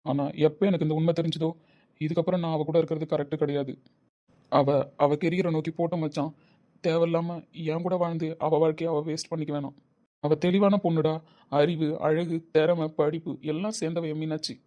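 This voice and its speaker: A man's voice: a little high, level tone, a little fast, mellow, dull audio, close to an everyday voice. A man voicing a young husband who speaks emotionally and pleadingly about his wife. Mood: lovesick. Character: young husband, guilt-ridden and lovesick.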